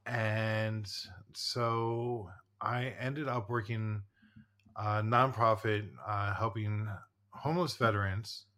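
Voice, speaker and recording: A therapist in his forties co-hosts a podcast, chatting casually and rambling with lots of fillers and restarts. His voice is lowish, slow, a bit bright, with fairly even intonation.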